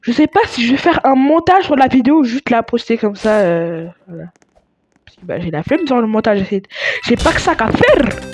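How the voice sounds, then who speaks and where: A young woman chatting casually over her gameplay. She stammers often and breaks into excitable outbursts. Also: a little high, brisk. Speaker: gaming video creator.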